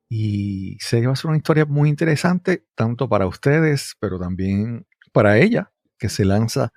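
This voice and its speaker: A man hosting a podcast interview, opening with measured, deliberate introductions before asking questions. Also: fairly low pitch, a little mellow. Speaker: podcast host.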